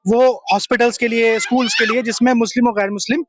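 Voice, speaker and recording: A man's voice: very high-pitched, steady tone, fast, background noise. A young man giving an earnest, step-by-step explanation in a street interview, mixing in English terms. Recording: dull lo-fi sound.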